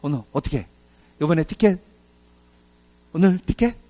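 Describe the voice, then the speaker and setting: A man's voice: on the high side, lively intonation, moderate pace, warm tone, natural voice. A man acting out a young son who pleads with his father for World Cup tickets, saying "dad" again and again. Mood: pleading. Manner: pleading, repeating "dad" over and over.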